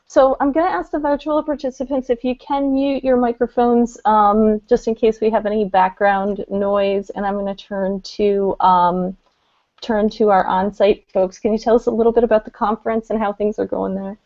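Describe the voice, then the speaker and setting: A woman's voice: mid-range voice, steady tone, normal speed, darkish tone. A woman casually hosting a live online session and handing over to participants. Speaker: host. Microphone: video call. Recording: dull lo-fi video call audio.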